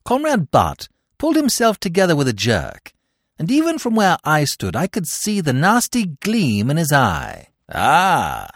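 A man narrating a classic comic story as podcast host, with expressive storytelling. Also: a little high, moderate pace, no room sound, studio quality.

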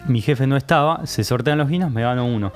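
A young man with a Rioplatense accent, a podcast guest telling an animated story in casual chat and acting out the people he quotes. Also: medium pitch, a little fast, soft background music. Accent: Rioplatense Spanish.

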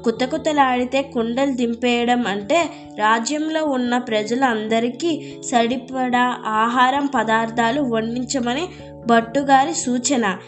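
A woman's voice: on the high side, slow, music in the background. A woman reading the lines of a clever young woman who explains her case to a king in a story. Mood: persuasive.

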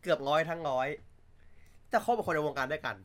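A man's voice: a little high, fairly quick, a bit bright. A man chatting casually on a livestream, blunt and crude, joking, with many filler sounds. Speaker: streamer.

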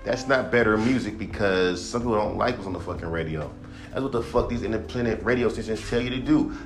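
A man in his thirties, a rapper hosting his own podcast, rants bluntly about music and swears heavily. His voice is fairly low and fast, and he calls it monotone himself.

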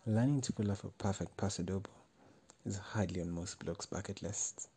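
A man reading a first-person story aloud in a measured, wry way. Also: deep voice, warm tone, husky. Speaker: narrator.

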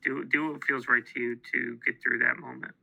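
A man with a gravelly, sharply bright voice talks about grief in a reflective podcast conversation. He searches for his words, pausing and restarting as he goes. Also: mid-range voice, level tone, rough recording. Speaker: podcast co-host, bereaved father.

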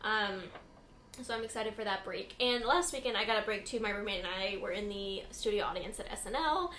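A woman's voice: mid-range voice, a little fast, fairly bright tone. A young adult woman chatting casually and effusively, with some swearing thrown in. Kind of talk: casual chat. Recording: roomy echo, clear background noise.

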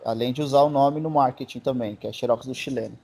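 A man's voice: mid-range voice, fairly even intonation, fast, dark tone. A man with a Brazilian accent, a guest on a casual podcast, telling a story in a rambling way and tripping over his words. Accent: Brazilian Portuguese.

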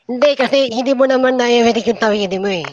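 A performer doing a nasal, software-altered comic character. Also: medium pitch, fast talker. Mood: bashful. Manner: speaks with a nasal, muffled speech impediment, laughs often. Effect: voice-changing software. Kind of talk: comedic podcast banter. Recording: noisy clicking background.

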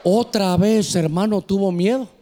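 A man's voice: high-pitched, a little slow, mellow, long reverb tail. A male pastor preaching a passionate sermon, constantly calling out to the congregation. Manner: impassioned preaching, calls listeners "hermano". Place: church sanctuary with monitors. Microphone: handheld microphone.

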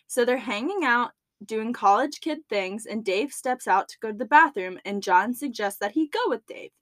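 A woman's voice: on the high side, lively intonation, normal speed, dry recording. A young woman co-hosting a podcast, reading a story aloud and chatting casually, laughing between lines. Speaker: podcast co-host.

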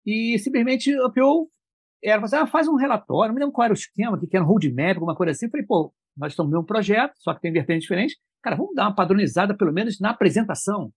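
A man telling work stories in a lively, colloquial way with lots of slang. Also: high voice, very fast, breathy edge, no room sound, clean studio sound. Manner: lively, colloquial, animated storytelling. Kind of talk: casual conversation.

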